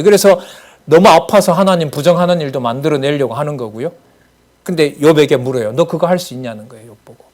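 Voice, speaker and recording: Conversational Korean pastor, slightly higher voice. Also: male voice. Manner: conversational preaching with rhetorical questions, acting out dialogue. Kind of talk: sermon.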